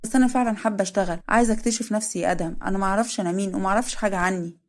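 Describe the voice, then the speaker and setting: A woman's voice: medium pitch, rapid-fire, close to an everyday voice. A woman voicing a cheerful young woman with an Egyptian accent, eager and chatty.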